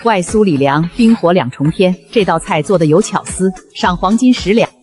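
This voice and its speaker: A woman's voice: on the low side, expressive, normal speed, a little mellow, soft background music, close to an everyday voice. A woman playing an imperious, indulgent grandmother empress dowager giving regal commands in a comic Qing court drama. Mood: approving. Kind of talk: acted comic short drama.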